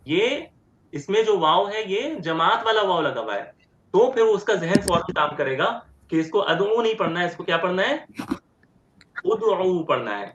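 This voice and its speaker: A man teaching Arabic grammar step by step in an online lecture, repeating word forms slowly and often checking with "ठीक है?". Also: sits high, noisy background. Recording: roomy, dull lo-fi sound.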